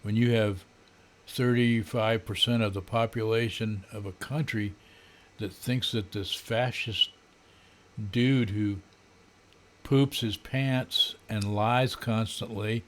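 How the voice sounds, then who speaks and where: An older American man in his seventies giving an unscripted, sardonic, grumbling rant in a halting way, often clearing his throat. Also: fairly low pitch, steady tone. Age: older, around 70s. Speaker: political vlogger. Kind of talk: unscripted political rant to camera. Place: small home room, indoors. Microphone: desk condenser microphone.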